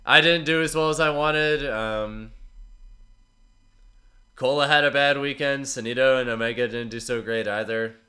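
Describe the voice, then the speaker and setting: Congested from a cold, a man with a medium-pitched voice streams his analysis of tournament matches. Talking at normal speed, he reads viewers' messages aloud and chats with them in a loose, rambling, relaxed manner.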